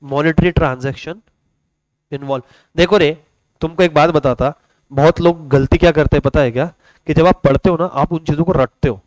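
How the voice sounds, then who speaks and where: A man's voice: on the high side, moderate pace, a little mellow, no echo, rough recording. A young man teaching an online commerce class in a chatty, joking way, calling his students "beta". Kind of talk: casual online class lecture.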